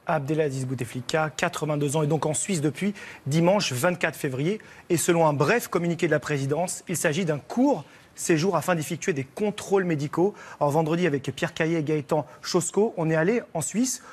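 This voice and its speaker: A man working as a TV reporter, presenting a lively news report in a conversational way that builds suspense. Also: fairly high pitch, fairly quick, slightly rough. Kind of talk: lively spoken report to studio.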